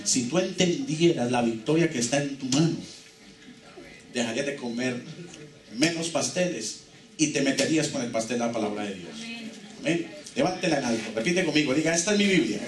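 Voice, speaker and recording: A man's voice: mid-range voice, animated, fairly quick. A male pastor preaching with fervor and leading his congregation in call-and-response declarations. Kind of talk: sermon. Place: church hall. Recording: echoey church from a distant mic.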